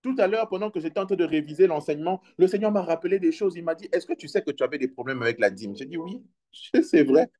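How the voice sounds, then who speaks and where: A man with a high voice preaching a lively sermon. He acts out short exchanges with his flock and breaks into sudden loud cries. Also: very fast, hardly any pauses. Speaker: pastor.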